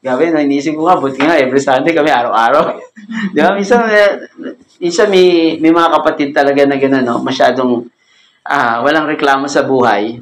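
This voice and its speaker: A man's voice: mid-range voice, brisk. A man leading a cell group Bible lesson as a pastor, speaking conversationally, joking and laughing often and asking the group questions. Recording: echoey room with faint ambient noise.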